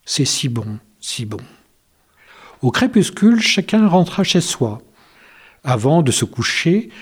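A man narrating a children's tale in a gentle, measured reading. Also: mid-range voice, slightly rough. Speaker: storyteller. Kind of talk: storybook narration.

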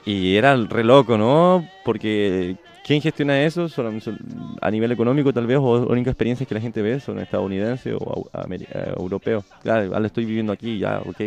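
Low-voiced man telling travel stories. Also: gravelly, faint music behind. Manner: reflective, halting restarts, bursts into shouted reenactments. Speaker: touring cyclist guest. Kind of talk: radio interview, casual storytelling.

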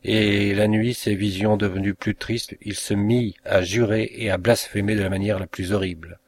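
A man with a somewhat low voice narrates an old novel. His reading is measured and expressive, with the steady pace of an audiobook. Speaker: audiobook reader. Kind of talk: scripted narration.

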